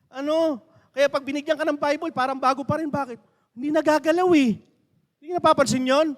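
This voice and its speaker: Man, pastor, very high voice, conversational sermon, rhetorical questions, long church-hall reverb. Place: church sanctuary.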